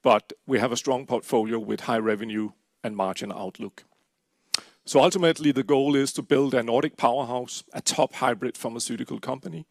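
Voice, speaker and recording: Speaking English with a Danish accent, a middle-aged Dane pitches his company to investors in a steady, businesslike manner peppered with "uh" fillers. His voice is medium-pitched, gravelly, and fairly quick, with no room sound.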